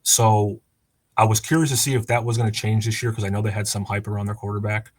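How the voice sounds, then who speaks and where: A man's voice: on the low side, level tone, fast talker, dry recording. A man of thirty, a former quarterback, chatting casually as a podcast guest with many fillers and restarts. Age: 30s.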